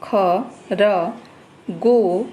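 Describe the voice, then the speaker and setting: A woman teacher giving an online class to young children, reading words out slowly syllable by syllable. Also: medium pitch, warm tone, a little hiss or hum, low-quality recording.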